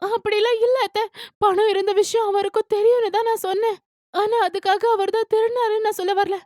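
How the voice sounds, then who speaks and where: A woman voicing a hurt but defiant young wife in a cartoon story, pleading in a high voice. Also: little pitch movement, fairly quick, a little mellow, dry recording, clean studio sound.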